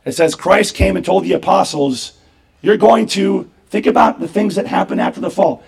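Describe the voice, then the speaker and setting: An older man, a priest, giving an animated sermon to campers with a hoarse, worn voice. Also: high voice, normal speed. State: hoarse, voice nearly gone. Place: camp gathering.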